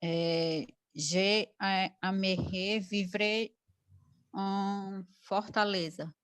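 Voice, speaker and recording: A woman student asks her teacher polite, hesitant questions during an online class. She speaks slowly, and her voice sounds dry and close. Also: medium pitch, fairly even intonation, clear, resonant tone, dry recording.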